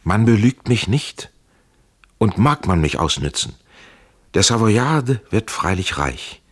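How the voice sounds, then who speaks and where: A man voicing a proud and bitter aging princess in an audiobook, lifting his voice slightly and speaking slowly. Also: fairly low pitch, very animated, husky, voice pushed up, full character voice.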